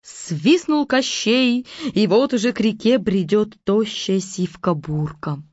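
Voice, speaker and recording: A woman narrating a fairy tale in a lively storytelling manner. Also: mid-range voice, slow, no room sound. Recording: dull lo-fi recording.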